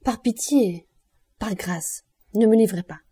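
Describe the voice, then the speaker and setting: A woman's voice: medium pitch, a little fast, mellow, slightly rough, far from the mic, natural voice. A woman reading an audiobook voices a desperate young man on the run, urgent and pleading.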